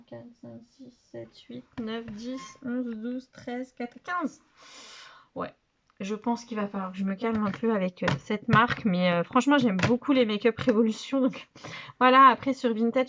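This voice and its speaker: A woman vlogger chatting casually about makeup she bought, hesitant with many fillers, trailing off softly as she handles products. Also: medium pitch, muffled recording, a little hiss or hum. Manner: handling products while talking, often trailing off quietly. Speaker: beauty vlogger. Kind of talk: casual haul video chat.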